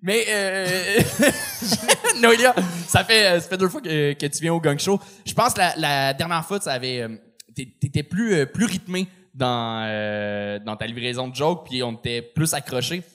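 Bright-voiced man giving stage feedback. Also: a little high, lively intonation, unhurried. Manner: hesitant, searching for words. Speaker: comedy show judge.

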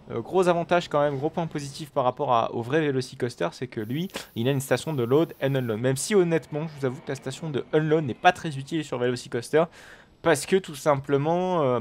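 A man giving live commentary on a game, excitable and rambling, with frequent swearing and exclamations. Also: mid-range voice. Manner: rambling with many fillers and restarts. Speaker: gaming video host.

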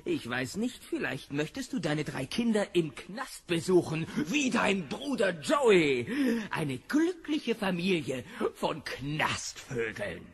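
An actor playing a brutish, bullying rich husband in an audio drama, sneering and menacing. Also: male voice, on the high side, very animated, takes it slowly, hardly any pauses, heavily acted.

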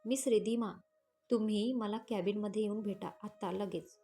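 A woman's voice: medium pitch, steady tone, moderate pace, mellow, soft background music, lightly acted. A woman voicing a stern young male company boss who speaks in commanding tones.

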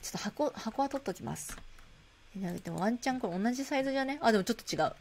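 A woman streaming a shop management game, chatting casually to herself and greeting customers in a bright shop-clerk voice. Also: fairly high pitch, expressive, very fast, a little hiss or hum. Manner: chatty, playful, talks to herself while playing. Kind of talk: casual gameplay commentary.

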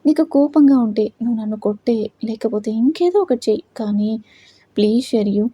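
A woman's voice: a little high, moderate pace, mellow, breathy edge, dull audio. A woman voicing a distraught young woman who tearfully begs her friend, in a storybook reading. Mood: pleading. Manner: tearful, pleading.

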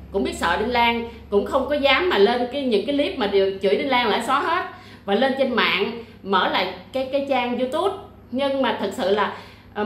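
A woman with a somewhat high voice talks straight to camera in a forceful, repetitive way, peppering her speech with fillers and sharp digs. The sound carries a noticeable room echo. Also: slight background noise. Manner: emphatic, many fillers and repetitions, blunt insults. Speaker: YouTuber discussing a legal case. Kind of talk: casual livestream-style monologue.

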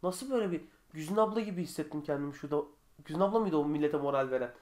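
A young man answering viewer questions in a casual vlog from his bedroom, chatty and joking, sometimes getting heated. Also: on the high side. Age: young adult. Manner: chatty, joking, quick shifts between calm and heated.

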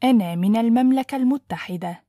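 A woman teaching pronunciation, saying phrases clearly and then breaking them word by word. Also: a little high, mellow, no echo, studio quality. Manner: clear, deliberate, splits phrases into single words. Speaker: language teacher. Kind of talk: slow word-by-word pronunciation drill.

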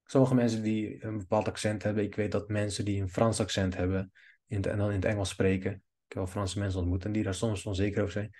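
A man with a lowish, mellow voice and little pitch movement talks fast as he narrates a screen-recorded video editing tutorial. He clicks through cuts at his computer while drifting into long, rambling asides.

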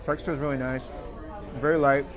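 Crowd noise fills the restaurant dining room as a food vlogger in his thirties reviews the place, talking fairly quickly in a mid-range voice with little pitch movement. He's enthusiastic, repeating "wow" and "very nice," captured by a handheld camera's small mic.

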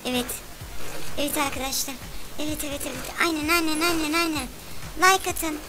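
A woman commentating a game for kids in a playful, whiny, complaining and excitable way. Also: sits high, brisk, over music. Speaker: gameplay commentator.

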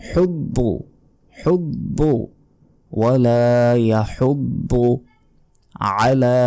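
A man teaching recitation, explaining pronunciation mistakes and then chanting the verses slowly in a raised tone. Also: lowish voice, dark tone. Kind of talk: pronunciation lesson with slow drawn-out recitation.

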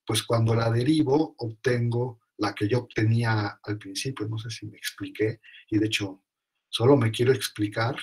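A man's voice: medium pitch, fairly even intonation, moderate pace, breathy edge. A man giving an informal math lecture, thinking aloud and correcting himself as he goes.

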